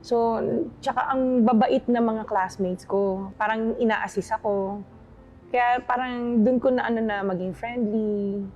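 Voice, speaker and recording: A woman in her forties, raised in the Philippines and the UK, answering interview questions politely and telling her story softly. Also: on the high side, fairly even intonation, unhurried, muffled recording. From Philippines, raised partly in the UK. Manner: polite, soft-spoken storytelling with respectful replies. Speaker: interview guest. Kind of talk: casual chat interview.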